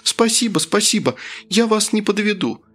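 A man voicing an excitable young servant woman who talks high and breathless. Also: drawn-out words, husky, exaggerated voice. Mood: excited. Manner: high, breathless, earnest pleading.

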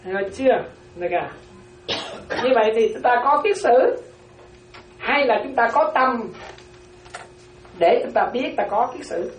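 Fairly high and animated, the nun's voice moves a little slowly with frequent pauses as she gives a dharma talk to a class. She repeats key phrases and keeps asking if listeners are following. The distant, roomy recording carries slight background noise.

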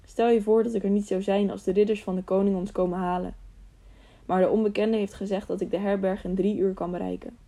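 A woman's voice: medium pitch, level tone, a little fast, dark tone, close to an everyday voice. Woman reading as an earnest young squire. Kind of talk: audiobook character voice.

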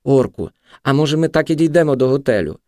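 A man's voice: mid-range voice, animated, fast talker, a little mellow, dry recording, studio quality, voice pushed up, natural voice. A man voicing a frightened young woman who anxiously pleads with her companion. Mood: pleading.

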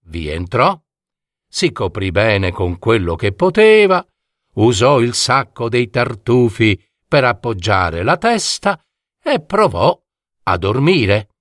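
A man telling a fairy tale slowly and dramatically. His voice rises and falls widely, lingering on each phrase. The recording is dry and close. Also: mid-range voice, no echo. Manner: slow, expressive, dramatic. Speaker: storyteller.

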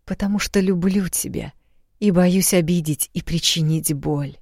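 A woman's voice: on the low side, unhurried, a little mellow, no room sound, clean studio sound. A woman voicing a murmuring young prince. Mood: tender. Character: tender, lovestruck young male prince.

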